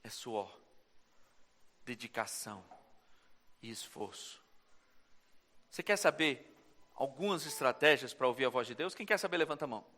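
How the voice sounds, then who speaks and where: A man's voice: medium pitch, animated, moderate pace, pauses often, bright, forceful tone. A male pastor with a Brazilian Portuguese accent preaching a sermon in a church, acting out short dialogues as he goes. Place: church sanctuary. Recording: church hall reverb.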